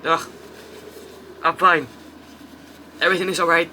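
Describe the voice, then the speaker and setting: A let's play host works through a story game, reading every line aloud in a bright, forward voice that sits fairly high and stays level, at a slightly slow pace. Between passages he slips into loose chat and the occasional curse. The audio is poor, with a faint hum in the background.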